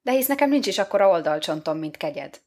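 A woman's voice: mid-range voice, lively intonation, darkish tone, close to an everyday voice. A woman voicing Adam, a timid, flustered young man who stammers and speaks bashfully in a storybook reading. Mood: puzzled.

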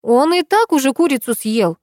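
A woman's voice: sits high, lively intonation, moderate pace, no room sound, clean studio sound, pitched above the performer's own voice. A woman reading the part of a feisty, scolding young heroine in an audiobook. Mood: sarcastic. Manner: sharp, scolding, shouting. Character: bossy feisty young woman, quick to fight.

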